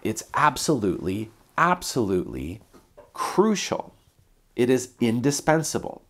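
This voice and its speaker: A man with a blocked, stuffed-up nose, sick and mouth-breathing, talking through a self-help lesson as a coach in a deliberate, earnest way. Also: mid-range voice, sing-song. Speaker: self-development coach and video presenter.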